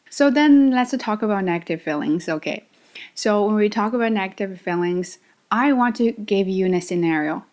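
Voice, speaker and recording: Expressive woman teaching an English lesson. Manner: expressive, demonstrates intonation with swings in pitch and loudness; direct, coaching address to the listener.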